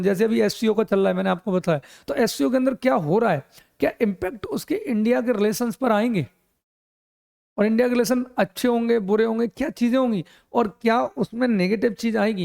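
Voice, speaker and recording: A man's voice: very high voice, vocal fry, a little mellow. A middle-aged man teaching an exam coaching lecture, mixing English terms into his explanations and often asking questions and answering them himself.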